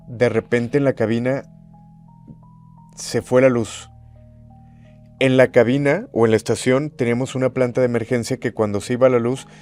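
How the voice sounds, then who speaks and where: A man, a former radio host, recounting eerie on-air calls in a measured storytelling way. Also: mid-range voice, darkish tone. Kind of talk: storytelling interview chat.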